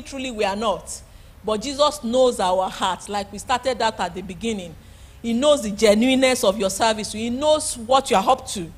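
A middle-aged woman pastor preaching a sermon from a church pulpit, emphatic, repeating key words and calling out praise. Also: on the high side. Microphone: handheld microphone.

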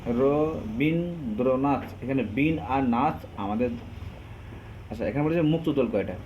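Man teaching slowly through examples. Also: medium pitch, darkish tone, highs cut off, slight background noise. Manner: slow, drawn out over example words, frequent hesitations. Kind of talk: exam prep lesson.

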